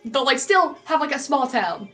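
A woman's voice: high-pitched, lively intonation, moderate pace, fairly bright tone. A woman from Maine chatting casually while gaming, rambling with lots of fillers, swearing freely and laughing often. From Maine, USA. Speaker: co-host of a gaming stream. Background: game music.

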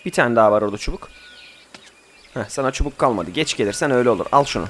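A young man with a lively, slightly bright mid-range voice races through casual commentary on a survival game. Between chatting and ordering his group about, he lets out sudden outbursts. Some background noise can be heard.

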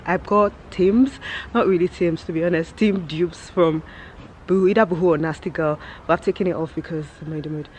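A woman's voice: lowish voice, fairly even intonation, brisk, a little mellow, a little hiss or hum. Chatty woman vlogging to camera. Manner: chatty, laughs often. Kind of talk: casual vlog chat. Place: streets then a busy cafe. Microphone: handheld camera at arm's length.

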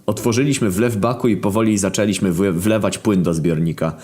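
Deep-voiced deadpan male storyteller. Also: fairly quick. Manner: deadpan storytelling, heavy swearing. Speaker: narrator. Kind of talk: scripted narration of a comic internet story.

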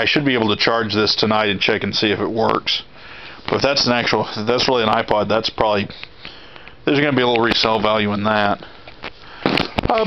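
A medium-pitched man with a Texas accent, in his thirties, rambles plainly through his auction haul, often starting over mid-thought. He's a reseller vlogger recording on a handheld camera in a storage room, and the audio is dull, lo-fi, and noticeably noisy.

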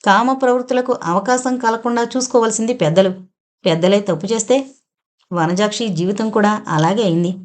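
Woman, audio novel narrator, steady measured storytelling, mid-range pitch. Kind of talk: scripted first-person narration.

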